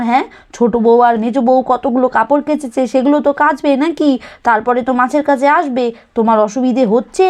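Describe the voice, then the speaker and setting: Lady voicing a grumpy old mother-in-law in a doll cartoon, high voice, keeps scolding her daughters-in-law. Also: darkish tone, lightly acted. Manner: scolding, nagging. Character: elderly mother-in-law, sharp-tongued and proud.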